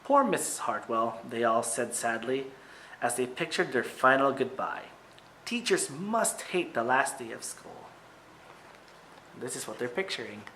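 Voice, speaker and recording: The speaker is a man teaching children, reading them a picture book with lively emphasis and quick side comments. His voice is mid-range and a little slow, and the rough recording has slight hiss or hum.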